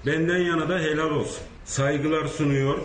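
A man in his fifties gives a formal, measured announcement over a police radio. His voice sits a little high and comes through a ringing, echoey transmission. Faint static and clicks are heard behind him. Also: steady tone. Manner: measured, ceremonious farewell.

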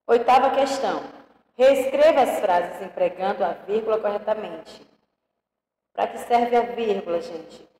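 A woman with a Brazilian Portuguese accent teaching a primary school class online, talking slowly and patiently, stretching out example words and often checking in with "ok?". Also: mid-range voice, dark tone. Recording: roomy with long reverb.

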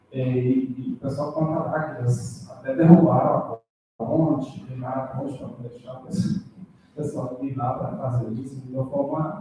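Male seminar discussant, dark mellow tone, slightly high-pitched, taped from across an echoey room with faint noise. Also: recorded from a distance. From Brazil, Rondônia. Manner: halting, with many tag questions and restarts. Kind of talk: academic feedback in a seminar.

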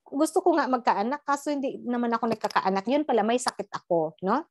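A middle-aged woman from the Philippines giving a personal testimony in an animated storytelling manner, mixing in English and often tagging "no?". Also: on the high side, a little fast, no echo. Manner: animated storytelling, Taglish, tag "no?". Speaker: guest sharing a life story.

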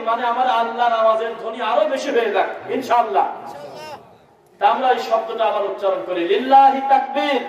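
High-voiced male preacher in an echoing hall. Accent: Bangladeshi Bengali. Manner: rhetorical, asks the crowd to answer back; chants verses in a slow melodic recitation. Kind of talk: sermon at a religious gathering. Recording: very echoey hall, speaker far from mic.

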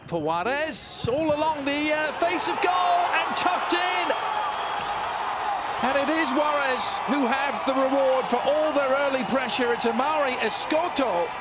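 Male football commentator over a loud crowd. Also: very high voice, animated, unhurried. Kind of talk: live play-by-play football commentary. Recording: loud stadium crowd noise. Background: stadium crowd.

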